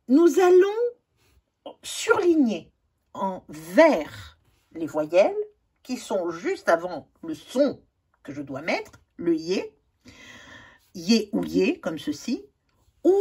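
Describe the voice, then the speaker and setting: A woman, a teacher slowly going over spelling exercises and spelling out letters one by one. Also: medium pitch, a little mellow, slightly rough. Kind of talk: spelling lesson correction.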